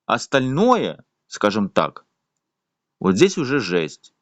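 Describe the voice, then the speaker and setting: This vlogger's medium-pitched voice swings hugely in pitch as he speaks slowly, with no echo at all. Indignant and meandering, he airs a long complaint in an offhand video, packing it with filler words.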